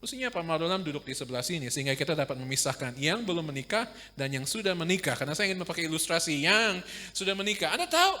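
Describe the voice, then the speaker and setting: Man, pastor, sermon, middle-aged, storytelling, loud to hushed, long hall reverb. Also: fairly high pitch. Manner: storytelling, swings from loud to very quiet. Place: church prayer meeting hall.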